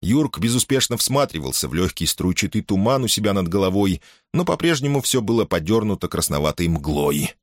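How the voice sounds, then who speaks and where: Animated male audiobook narrator. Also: deep voice, a little fast, no echo, studio quality. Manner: lively, theatrical reading with sharp rises for dialogue. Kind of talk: expressive sci-fi audiobook narration.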